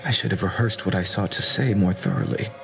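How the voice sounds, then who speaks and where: Solemn, shy, low-voiced courtly god. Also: male voice, wildly swooping pitch, creaky, full character voice. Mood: nervous, tender. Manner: formal, hesitant, halting. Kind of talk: dramatic video game voice acting. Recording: music behind the voice.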